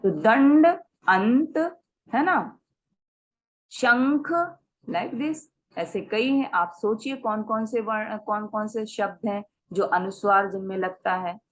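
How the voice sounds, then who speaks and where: A woman teaching a Sanskrit grammar class. She explains step by step, sounds out each example word slowly, mixes English words into her Hindi and keeps checking in with her students. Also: medium pitch, poor audio.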